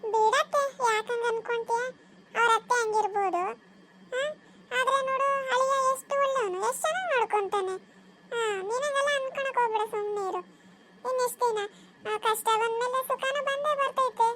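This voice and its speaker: Woman doing a cartoon young niece, gentle, soothing, reassuring, shrill and high. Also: fairly quick, noisy background. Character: kind young woman comforting her aunt. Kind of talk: cartoon drama voice acting.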